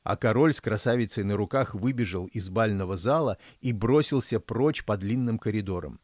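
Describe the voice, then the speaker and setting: A man's voice: on the low side, normal speed, darkish tone, no echo. Man narrating his fairy-tale audiobook. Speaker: author reading his audiobook.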